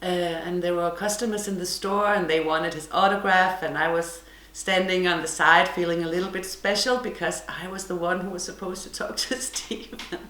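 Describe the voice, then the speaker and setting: A woman with a Danish accent, from Denmark, hosts a podcast in her living room, chatting to camera in a self-deprecating casual monologue. Her voice is on the low side, slightly bright and fairly even at a moderate pace, with roomy acoustics and a little background noise.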